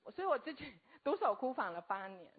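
A woman, telling a personal story earnestly and haltingly as a guest. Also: a little high, very animated, slightly rough. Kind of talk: personal testimony. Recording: tinny phone-like audio.

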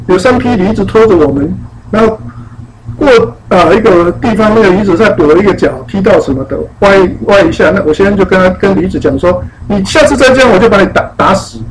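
A man's voice: high voice, fairly quick, a crowd in the background, low-quality recording. A man giving a casual lecture, telling anecdotes and acting out the voices of people in his stories. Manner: animated, acts out quoted voices in stories. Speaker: lecturer on spiritual teachings.

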